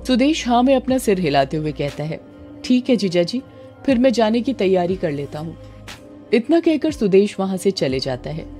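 Dark-toned woman narrating a horror story. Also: fairly low pitch. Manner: voices all characters in a steady reading tone.

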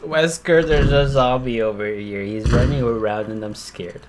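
A man's voice: medium pitch, normal speed, noisy background. A man streaming a horror game live, talking to himself and cursing in panic as he plays. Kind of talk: live gameplay commentary.

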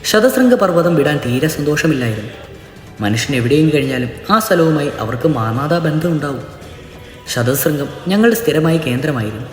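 A man giving a solemn, measured scripted narration of a legend as storyteller. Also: a little high. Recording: echoey narration with long reverb.

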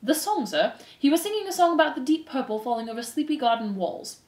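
A woman's voice: sits high, big pitch swings, fast, darkish tone, roomy sound, voice pushed up. A woman voicing a small young male mouse in a storybook, innocent, earnest and polite. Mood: earnest, meek.

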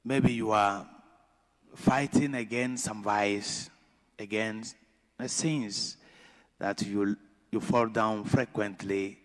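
Slow, low-voiced priest in a reverberant church. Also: male voice, steady tone. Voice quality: slow, deliberate delivery with pauses. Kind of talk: gospel reading and homily. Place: large church.

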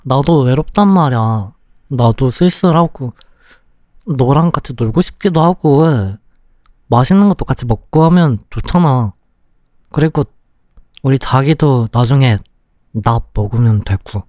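A man as a pouty, clingy young boyfriend in a slow whispered role-play. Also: medium pitch, animated, no room sound, lightly acted. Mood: pouty, affectionate. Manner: slow, soft, close-up ASMR delivery with pouty complaints.

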